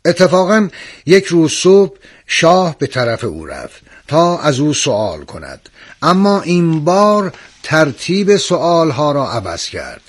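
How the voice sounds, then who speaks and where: A man hosting a radio program, reading old tales and anecdotes in a measured, expressive scripted narration. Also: on the high side. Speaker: radio storyteller host.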